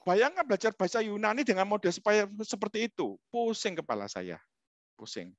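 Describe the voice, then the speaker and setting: A middle-aged man giving a humorous, animated talk as a webinar guest speaker, speaking straight to his listeners. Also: sits high, a little fast, dry recording, muffled recording. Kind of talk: lively storytelling talk.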